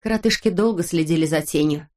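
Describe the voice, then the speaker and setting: A woman with a fairly low voice reads a children's storybook aloud. She keeps an even, clear storytelling pace, with her voice sitting on the lower side. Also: quick pace. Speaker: narrator.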